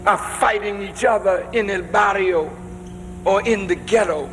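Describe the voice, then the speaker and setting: A male preacher delivering a sermon to a congregation in a large hall, speaking emphatically with drawn-out phrases that rise to shouts. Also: high voice, slight background noise. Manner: addresses the congregation directly. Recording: long reverb of a large hall.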